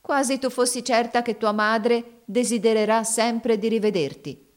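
A woman's voice: mid-range voice, animated, moderate pace, lightly acted. A woman reading aloud, voicing an earnest, lovestruck little boy who coaxes a girl to come away with him. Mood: sour. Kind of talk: audiobook reading.

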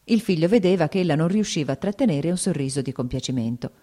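A woman narrating an audiobook of a classic novel in a measured, even storytelling manner. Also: low voice.

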